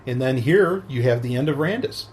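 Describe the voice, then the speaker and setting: A man's voice: mid-range voice, animated, a little fast, darkish tone, slight background noise. A man hosting a podcast in casual chat, rambling with many fillers and restarts and laughing often. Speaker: podcast host.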